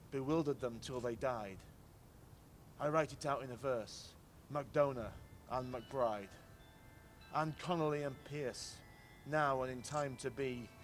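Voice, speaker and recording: Traffic and city noise ring out clearly around a man performing a poetry recitation outside in a city square. With a middle-pitched male voice, he gives the lines a measured, declamatory reading befitting a public commemoration.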